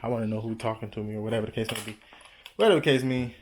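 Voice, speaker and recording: A young man in his twenties talking to camera in a loose, rambling monologue, full of slang, jumping now and then into excited, higher bursts. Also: very fast, noisy background. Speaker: vlogger.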